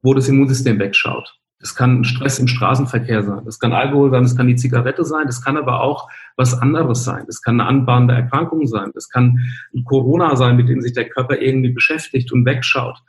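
A man's voice: mid-range voice, steady tone, brisk. A man speaking as an interview guest in casual conversation, telling stories and explaining while restarting his sentences. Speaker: interview guest, nutrition scientist.

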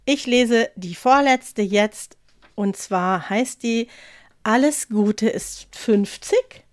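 A woman with a fairly high voice chatting casually and reading short stories aloud with lively expression. The sound is dry and close, with no room echo. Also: extremely slow. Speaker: podcast host.

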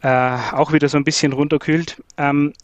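A man's voice: fairly high pitch, flat delivery, moderate pace, no echo, lo-fi sound. A man explaining trailer brakes in a podcast conversation, thoughtful and technical, with frequent fillers and repeated words. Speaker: trailer brake expert guest.

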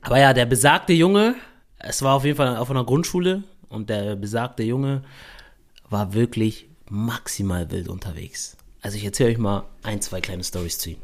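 A young man hosts a casual podcast chat and tells a story in an animated way. His pitch sits in a middle register, and he keeps the talk loose with youthful slang and quick filler tags. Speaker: podcast host.

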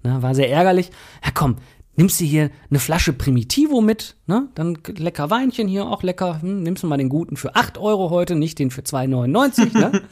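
A man, telling a funny anecdote as a podcast co-host, animated and full of laughs. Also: a little high, fairly quick. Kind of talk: casual storytelling chat.

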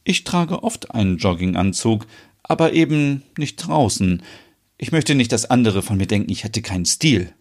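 A man's voice: lowish voice, expressive, moderate pace. A man voicing a self-conscious, prim woman worried about her style in an audio soap. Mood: insecure. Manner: prim, insecure.

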